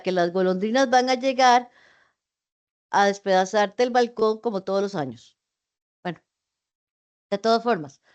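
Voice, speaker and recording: A woman's voice: mid-range voice, darkish tone, dull audio. A middle-aged woman lecturing in an online class, explaining in a conversational way with fillers and asides, heard over a video call. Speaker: university teacher.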